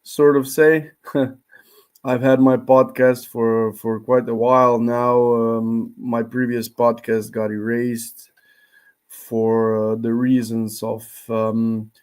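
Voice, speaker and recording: A man with a Slovenian accent, a native Slovene speaker, hosting a live-streamed interview over a video call. He speaks haltingly, with frequent pauses and fillers. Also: medium pitch, little pitch movement, darkish tone, smooth. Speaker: podcast host.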